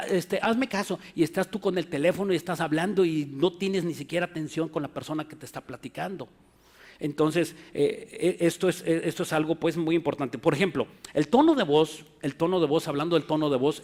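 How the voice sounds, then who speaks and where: A man with a Mexican Spanish accent, a pastor preaching a sermon in an animated way, acting out voices and often restarting his phrases. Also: fairly high pitch. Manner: frequent restarts and filler words.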